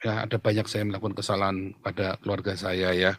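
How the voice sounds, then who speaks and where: A man's voice: low voice, level tone, fast, no room sound. A man, a pastor hosting a live stream, talks casually, jokes around and confesses his past with emotion. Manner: joking, then confessional and emotional. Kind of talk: casual preaching chat.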